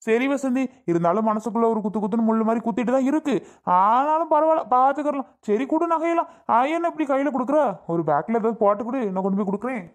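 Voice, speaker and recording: A woman's voice: on the high side, lively intonation, quick pace, lightly acted. A woman voicing a weak-willed, guilt-ridden husband in a cartoon, fretful and hesitant. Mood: worried. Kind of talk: cartoon voice acting.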